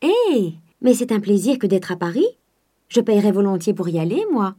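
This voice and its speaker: A woman's voice: medium pitch, sing-song, normal speed, dark tone. A woman voicing a banker's ironic, scheming wife. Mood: airy. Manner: airy, ironic.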